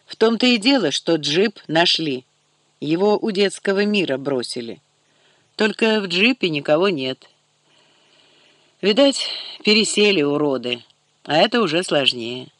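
Guy doing a curt slangy tough dude, impatient, kinda high voice. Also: lively intonation, a little slow, pauses often, a bit bright, no room sound. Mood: businesslike. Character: brisk gangster-like young man, blunt and busy.

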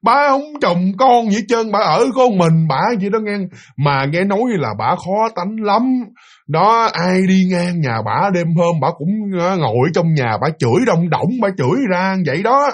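A man with a Southern Vietnamese accent tells a ghost story in a loose, conversational way. His voice sits high for a man, and he circles back, repeats phrases and talks straight to his listeners. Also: sing-song, normal speed. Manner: rambling, repetitive, addresses listeners. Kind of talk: casual ghost-story telling.

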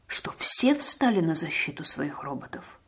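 Woman playing a composed husband, quiet and clipped, husky. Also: deep voice, big pitch swings, whispered, exaggerated voice. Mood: measured. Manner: dry, measured, hushed. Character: dry, composed older husband.

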